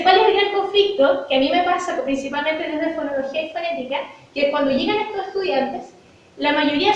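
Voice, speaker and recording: A woman with a Chilean accent gives a university lecture to students, explaining her points and posing rhetorical questions that she then answers. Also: very high voice. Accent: Chilean Spanish. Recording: echoey hall from far off, dull lo-fi, faint noise.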